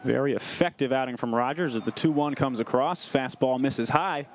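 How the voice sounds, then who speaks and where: A man's voice: mid-range voice, moderate pace. A man doing live baseball commentary and play-by-play from an outdoor ballpark.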